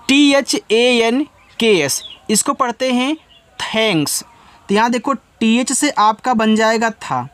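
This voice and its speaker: High-voiced man teaching English reading. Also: fairly bright tone. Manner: spells words letter by letter, then repeats meanings. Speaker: English tutor. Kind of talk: spelling and reading lesson.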